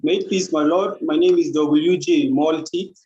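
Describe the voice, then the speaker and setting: A man's voice: a little high, steady tone, moderate pace, warm tone, a little hiss or hum. A man, a lawyer making a formal, deferential appearance in court over a remote call with a bad connection. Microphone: video call. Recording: muffled lo-fi call audio.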